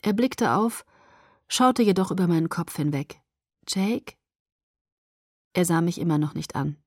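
A woman narrating an audiobook in a calm, measured storytelling manner. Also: fairly low pitch, no room sound, studio quality. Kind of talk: scripted narration.

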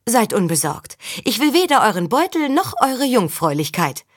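A woman voicing a quick-witted young female street performer with loud, showy stage patter. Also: lowish voice, lively intonation, husky, in a large hall. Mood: teasing.

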